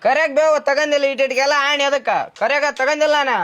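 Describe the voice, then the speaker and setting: A man's voice: very high-pitched, steady tone, quick pace, a bit bright. A young man playing a wheedling, defensive younger brother. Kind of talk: village short-film acting.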